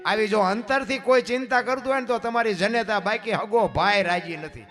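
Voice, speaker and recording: A man giving a dayro storytelling sermon, moving between soft musing and loud impassioned declaiming, and putting questions to his audience. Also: sits high, moderate pace. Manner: asks the audience questions directly. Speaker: folk storyteller. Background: guitar music.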